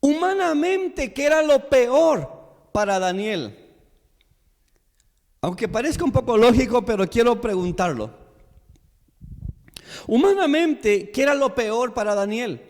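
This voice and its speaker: Very high-voiced man preaching slowly. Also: big pitch swings, darkish tone. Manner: slow, emphatic, repeats questions to the congregation. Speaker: pastor. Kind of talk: sermon. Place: church. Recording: long church hall reverb.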